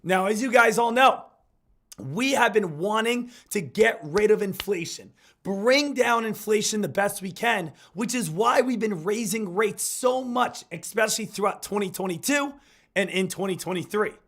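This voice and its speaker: A man with a hoarse smoker's rasp, getting over an illness, hosting a high-energy live stream about stock trading. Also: animated, normal speed, a bit bright. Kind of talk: hyped live stream market commentary.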